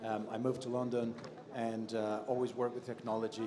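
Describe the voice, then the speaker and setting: A Brazilian AI consultant with a Brazilian accent introduces himself professionally as a panelist on a conference stage. His mid-range voice moves little in pitch and keeps a normal speed, while the crowd in the event hall is audible.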